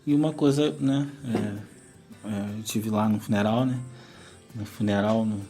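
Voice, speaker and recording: Gravelly consoling man. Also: lowish voice, fairly even intonation, unhurried, warm tone, soft background music. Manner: consoling, keeps adding "né?". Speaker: radio program host. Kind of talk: pastoral interview conversation.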